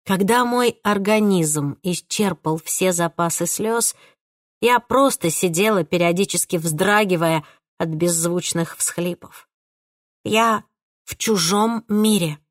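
A woman giving an emotional, expressive first-person audiobook reading. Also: lowish voice, slow pace, no room sound, clean studio sound. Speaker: audiobook narrator.

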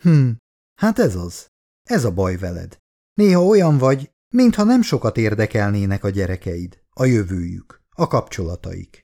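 A man's voice: lowish voice, very animated, dark tone. Man voicing a fretful affectionate middle-aged wife. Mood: fretful chatter. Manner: chatty, anxious, coaxing.

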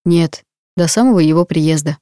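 Woman doing a calm polite bodyguard guy, low-ish voice, dry close sound. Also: normal speed, dry recording, natural voice.

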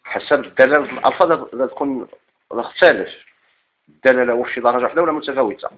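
A man's voice: medium pitch, very fast, phone-quality sound. A man with a Moroccan Arabic accent, teaching and recapping a lesson on legal theory in short listed phrases.

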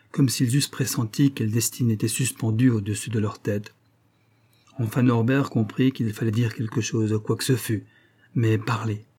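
Man, audiobook narrator, measured storytelling, mellow dark tone, husky. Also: on the low side. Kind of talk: scripted narration.

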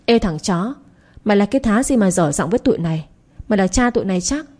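A woman's voice: medium pitch, expressive, brisk, mellow, husky. A woman voicing a hot-tempered young male street thug who snarls curses and threats. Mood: angry threatening.

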